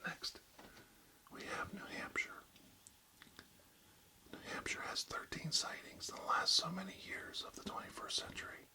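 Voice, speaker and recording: A man hosting ASMR in a very close, breathy whisper with deliberate phrasing into a binaural microphone. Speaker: ASMR host.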